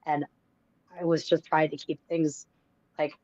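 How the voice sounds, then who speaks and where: A woman's voice: low-pitched, flat delivery, measured pace, darkish tone, no echo. A woman guest on a live stream, losing her voice, telling stories in a rambling way with many fillers. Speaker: guest from a game publisher. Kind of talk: casual storytelling chat. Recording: dry, dull lo-fi call audio.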